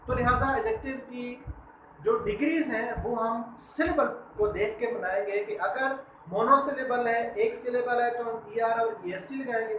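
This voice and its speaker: A teacher explains grammar, repeatedly asking a question and then answering it. The voice sits at a middle pitch. It sounds roomy, with a faint hum of noise behind it. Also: a bit bright. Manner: poses questions to the class and then answers them. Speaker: English teacher. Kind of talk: grammar lesson.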